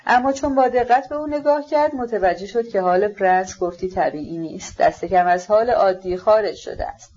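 Woman reading a novel aloud, steady and measured, kinda muffled lo-fi sound. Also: medium pitch, husky. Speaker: audiobook narrator. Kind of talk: audiobook reading. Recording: dull lo-fi audiobook recording.

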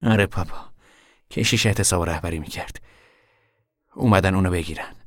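A man's voice: no room sound, studio quality. An actor playing a weary young man on the run who talks in a tired, grim way. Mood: shaken. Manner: tired, grim, low-voiced.

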